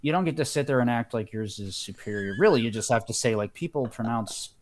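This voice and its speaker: A man's voice: mid-range voice, expressive, quick pace. A man chatting casually over a card game in a rambling, sweary, informal way.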